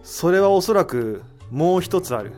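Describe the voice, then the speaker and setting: This time the amateur drama actor's voice is high-pitched and animated, with a darkish tone at a moderate pace and faint music behind. Playing the analytical figure, he lays out his deductions assuredly, leaning on rhetorical questions.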